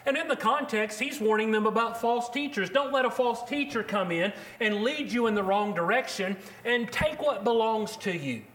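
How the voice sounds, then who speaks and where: A man preaching a sermon, earnest and measured, slowing down to quote scripture. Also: high voice, lively intonation, a bit bright.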